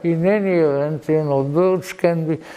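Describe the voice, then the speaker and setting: An elderly man with a Hungarian accent giving an informal, rambling talk in a halting, deliberate manner, with formal old-fashioned wording and dry humour. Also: fairly high pitch, fairly even intonation, noisy background. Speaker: lecturer. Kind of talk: informal rambling reminiscence to an audience.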